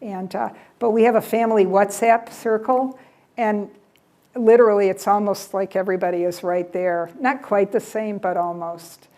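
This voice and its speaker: An older American woman gives a casual travel talk with audience questions in a library event room, chatting away, repeating words and trailing off with "yeah". Her mid-range voice is mellow, with fairly even intonation at a normal speed.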